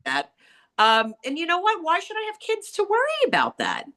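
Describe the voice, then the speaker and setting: A middle-aged woman with a raspy, grating, nasal voice, talking bluntly and candidly as an interview guest, acting out what people said. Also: very high-pitched, normal speed. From New York area. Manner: blunt, animated storyteller who acts out quotes. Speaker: interview guest, salon owner and author.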